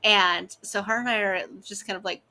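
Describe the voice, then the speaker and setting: A woman's voice: medium pitch, fairly even intonation, moderate pace, pushed and bright. A woman in her thirties chatting casually with friends, rambling with lots of fillers and laughter. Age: 30s. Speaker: dungeon master. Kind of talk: casual chat among friends.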